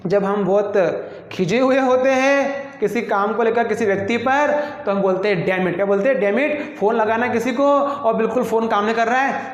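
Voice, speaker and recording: A man with a high voice explains spelling rules, repeating them slowly and quizzing his listeners. His voice rings with a long echo, as in a large hard room, and the sound is somewhat dull. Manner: repeats rules and words slowly, asks students back. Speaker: English teacher. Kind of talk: Hindi-language spelling rule lesson.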